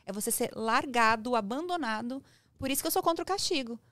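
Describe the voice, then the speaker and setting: A woman's voice: on the high side, brisk, no echo. A woman with a Brazilian Portuguese accent, speaking emphatically as a parenting guest on a podcast. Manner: emphatic, animated, acts out dialogue. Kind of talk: podcast conversation. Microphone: studio podcast mic.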